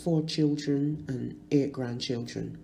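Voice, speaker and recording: A woman in her sixties from Barbados reads a tribute at a funeral. Her delivery is unhurried and fond, her voice mellow with a gravelly edge. A faint background hum sits under the recording. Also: extremely low pitch, steady tone. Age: 60s. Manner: slow, measured, fond reminiscing. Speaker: eulogist.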